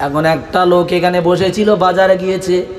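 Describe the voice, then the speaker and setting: A hoarse male preacher giving a sermon, telling stories and breaking into melodic chant. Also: high-pitched, level tone, moderate pace, big-room sound. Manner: storytelling, voices quoted people, breaks into melodic chant. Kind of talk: Islamic sermon with chanted Arabic. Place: stage at a large religious gathering.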